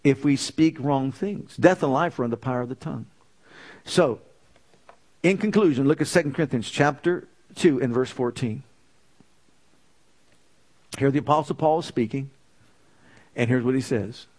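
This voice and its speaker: A man's voice: mid-range voice, moderate pace, pauses often, a little mellow. A man preaching a sermon as pastor, with emphatic repeated declarations.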